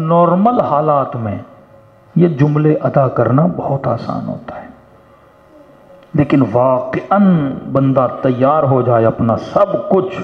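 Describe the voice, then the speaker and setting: Impassioned male preacher in an echoey hall. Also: creaky. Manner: impassioned, rising to high emphatic pitch on quotes. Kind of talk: religious sermon with storytelling. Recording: echoey hall, phone-like narrow sound.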